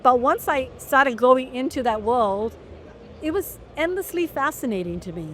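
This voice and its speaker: A middle-aged woman from Malaysia with a somewhat high voice tells her story. She speaks in an articulate, measured way, as a guest in a long-form interview. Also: lively intonation, a little hiss or hum. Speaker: guest journalist.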